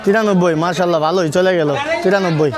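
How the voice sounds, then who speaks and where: A man with a Bangladeshi accent and a high voice gives on-the-spot cattle market commentary. He calls out questions and echoes prices in an exclamatory way. A loud crowd and traffic surround him outdoors. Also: fairly even intonation, fast talker, over music. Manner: exclamatory, repeats answers back.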